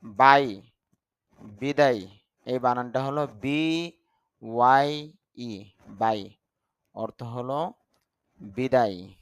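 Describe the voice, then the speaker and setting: A man teaching vocabulary, drilling words one by one and explaining each slowly and carefully. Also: mid-range voice, clean tone, no echo. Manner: slow, deliberate word-by-word drilling with explanations. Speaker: English teacher. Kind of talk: vocabulary lesson.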